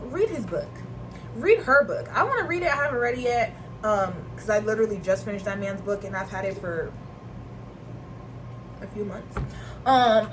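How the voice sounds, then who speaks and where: A young woman from Nigeria rambles through a casual vlog chat, full of slang and quick laughs. Her voice sits a little high. A clear background noise runs under the home recording. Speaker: vlogger.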